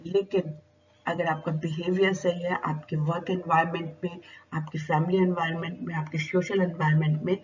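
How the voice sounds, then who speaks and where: A woman's voice: on the low side, level tone, normal speed. Lady teaching a class, asks a question then answers it, sounds a bit far off and muffled. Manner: asks rhetorical questions and answers them herself. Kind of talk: explanatory lecture. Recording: dull, slightly distant recording with faint noise.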